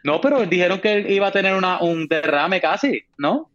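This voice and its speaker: A man's voice: high-pitched, lively intonation, fairly quick, a bit bright, dull audio. A man, chiming in during casual chat.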